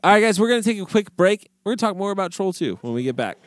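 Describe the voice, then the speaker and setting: A man hosting a casual movie-chat podcast, playful and quick to laugh. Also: high voice, sing-song, no room sound. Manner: playful, quick to laugh, mock sports-commentary. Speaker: podcast host.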